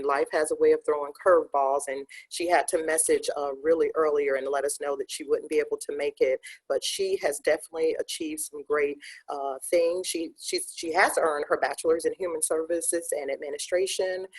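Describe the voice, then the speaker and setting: A woman's voice: deep voice, husky. A woman hosting an online graduation ceremony, announcing graduates in an upbeat, casual way with many fillers. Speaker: ceremony host.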